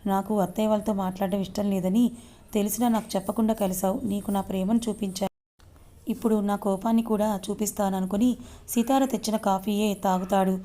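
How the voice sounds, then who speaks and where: Female audio-story narrator; mellow, even, unhurried reading. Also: mid-range voice.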